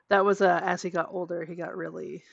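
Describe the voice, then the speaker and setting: Lively, low-voiced woman podcaster. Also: vocal fry, no room sound. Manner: animated storytelling, frequent "like" and swearing. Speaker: podcast co-host. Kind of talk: casual chat. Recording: dry, dull lo-fi podcast audio.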